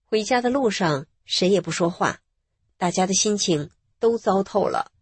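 A woman calmly narrating her own story in a measured, scripted radio reading. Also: medium pitch, slightly rough, no echo.

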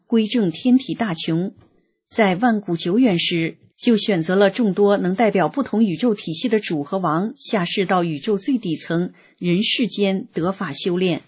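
Woman, deeply breathy tone, mid pitch, earnest read-aloud testimony. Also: darkish tone. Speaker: reader of a personal experience article.

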